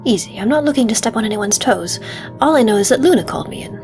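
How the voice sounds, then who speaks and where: A woman voicing a composed male police detective, reading his case narration from a video game in a measured, deliberate way. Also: on the high side, animated, darkish tone, faint music behind. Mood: calm, businesslike.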